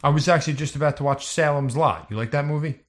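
A man playing an easygoing, obliging small-time drug dealer in a tabletop game, with slangy, mellow talk. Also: on the high side, fast talker, natural voice. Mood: relaxed, friendly.

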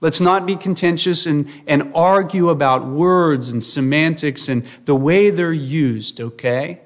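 Earnest, slightly higher-voiced male pastor. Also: unhurried. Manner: earnest, conversational preaching with frequent fillers. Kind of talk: sermon.

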